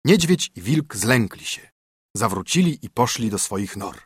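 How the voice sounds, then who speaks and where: A man reads a classic fairy tale as an audiobook narrator. His husky voice moves up and down lively, recorded close and dry. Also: lowish voice, measured pace, no echo.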